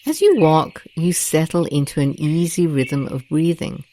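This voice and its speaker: This rough recording, with a little background noise, features a woman hosting a guided meditation in a low voice. Her narration is gentle, calming, and deliberate with long pauses, set against rainforest ambience of birds and crickets.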